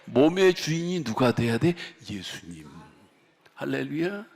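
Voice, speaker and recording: Gravelly male pastor preaching in a reverberant hall. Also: medium pitch, very animated, a little slow. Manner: dramatic storytelling, swinging from shouts to whispers; call-and-response with the congregation. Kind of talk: revival sermon. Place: prayer retreat sanctuary.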